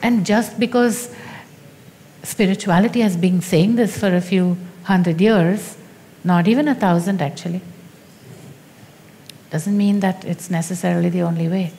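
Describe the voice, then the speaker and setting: A woman spiritual teacher speaking in a slow, deliberate and emphatic way in a teaching dialogue. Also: fairly low pitch, gravelly, mellow, in a large hall, slight background noise.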